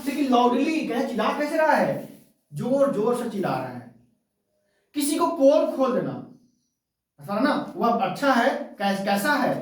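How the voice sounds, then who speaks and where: Woman teacher, fairly high voice, constant check questions, very echoey room, distant mic. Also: darkish tone. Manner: keeps asking rhetorical check questions; repeats each point slowly. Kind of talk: classroom grammar lesson. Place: classroom with students.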